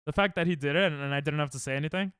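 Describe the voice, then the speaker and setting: The man streaming his game speaks rapid-fire in a fairly bright, clean, high-ish voice, with no echo and studio-quality sound. Casual sarcasm and jokes fill his back-and-forth with chat.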